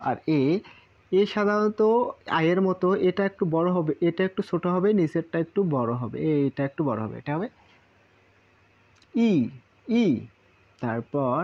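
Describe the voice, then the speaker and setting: A man's voice: a little high, expressive, a little slow, long pauses, lo-fi sound. A man teaching a casual Japanese lesson, repeating syllables in lists and asking rhetorical questions. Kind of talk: casual spoken lesson at a whiteboard.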